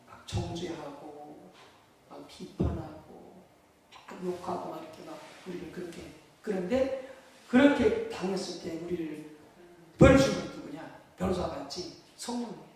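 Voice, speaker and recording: High-voiced male preacher in echoey hall. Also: normal speed, a little mellow. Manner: asks the congregation questions and answers them himself. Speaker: pastor. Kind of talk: sermon. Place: church hall. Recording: echoey hall, mic far off.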